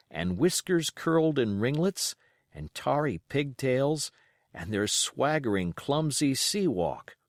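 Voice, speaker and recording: An audiobook reader, a man with a middle-pitched voice, narrates classic adventure fiction. His reading is measured yet expressive, rising and falling animatedly. The recording is completely dry, with no room sound at all.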